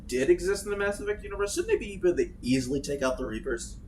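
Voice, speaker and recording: A man chatting casually while playing a game, swearing freely and breaking into loud outbursts. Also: high-pitched, fast, slight background noise. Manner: animated, swears freely, bursts into shouts. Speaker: gaming streamer. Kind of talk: casual let's-play chat.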